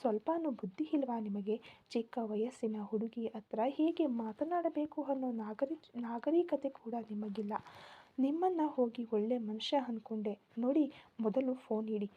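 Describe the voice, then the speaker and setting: A woman's voice: a little high, husky, phone-quality sound. A woman voicing a proud, fiery young wife who scolds sharply. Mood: furious. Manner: sharp and scolding, rapid when angry.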